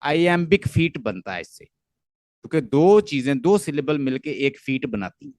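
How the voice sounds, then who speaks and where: A man's voice: a little high, sing-song, moderate pace, darkish tone, no room sound, clean studio sound. Pakistani man teaching poetry, patient and repetitive. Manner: repeats points patiently, mixing in English terms. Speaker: literature teacher. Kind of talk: online lecture.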